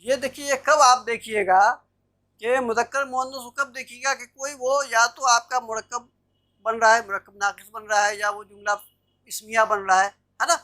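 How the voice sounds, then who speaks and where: High-voiced woman teaching an online class. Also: fairly even intonation, normal speed, bright, forceful tone. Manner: explanatory, checks understanding with "theek hai na". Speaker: Arabic grammar teacher. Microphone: video call.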